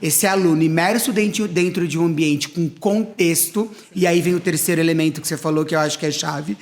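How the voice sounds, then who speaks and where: A man's voice: fairly high pitch, fairly even intonation, brisk. A middle-aged man hosting a school talk show, explaining ideas step by step in a conversational way. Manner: explanatory, builds points in steps. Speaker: academic director hosting a school podcast. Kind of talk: conversational interview.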